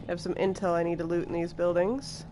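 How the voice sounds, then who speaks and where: A woman's voice: on the low side, flat delivery, quick pace. Chatty woman streamer playing a game. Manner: chatty, laughs often, reacts loudly to gameplay. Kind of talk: casual live game commentary.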